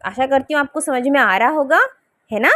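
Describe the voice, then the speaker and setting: A woman's voice: high-pitched, a little fast, a bit bright, dry recording, clean studio sound. A woman teaching a grammar lesson to children, sounding out words syllable by syllable and often checking whether they understand. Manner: coaxing, checks understanding with repeated questions.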